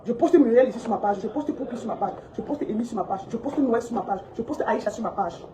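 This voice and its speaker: A shop owner vlogging to her followers gives a heated, scolding monologue, indignantly repeating her points. Her voice is a little high and quick, with background noise present.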